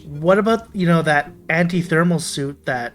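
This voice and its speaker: A male game streamer talks in a casual, chatty way. His voice is a little high, with faint music behind it. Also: moderate pace.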